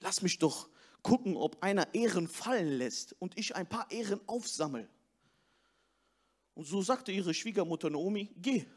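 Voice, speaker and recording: Male preacher, high voice, sermon, direct address, building emphasis. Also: lively intonation, normal speed.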